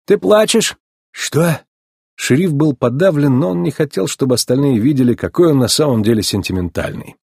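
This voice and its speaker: Husky-voiced man reading a storybook. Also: medium pitch, fast, hardly any pauses, no room sound, studio quality. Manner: expressive, animated reading. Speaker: narrator. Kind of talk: storybook narration.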